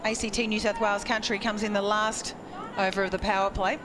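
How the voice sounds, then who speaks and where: A woman with an Australian accent explains the cricket as an expert commentator. Her delivery is informal and conversational, at a middling pitch. Clear outdoor noise and traffic ambience sit behind her. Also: flat delivery, brisk. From Queensland, Australia. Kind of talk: live sports analysis, conversational.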